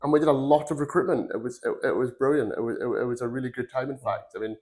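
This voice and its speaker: Speaking fast in a darkish, mid-range voice with fairly even intonation, this forties-aged Glaswegian recounts his career on a podcast. He founded a recruitment firm, and his casual interview answers come out as rambling, earnest stories.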